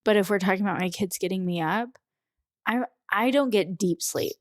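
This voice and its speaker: Thirties woman cohosting a podcast, rambly and animated, mid pitch, dead dry sound. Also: moderate pace, no room sound. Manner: chatty, rambling, animated storytelling. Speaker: podcast co-host. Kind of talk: casual chat.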